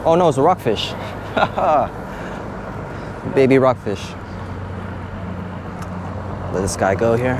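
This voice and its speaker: A man's voice: mid-range voice, expressive, slow, pauses often. A young man vlogging while fishing from an outdoor pier, chatty and upbeat, recorded on a head-mounted action camera. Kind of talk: casual vlog narration. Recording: outdoor camera audio with clear noise.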